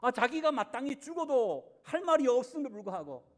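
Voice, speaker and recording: A man's voice: very high voice, sing-song, a little fast. A man preaching a sermon as pastor, putting rhetorical questions to his congregation.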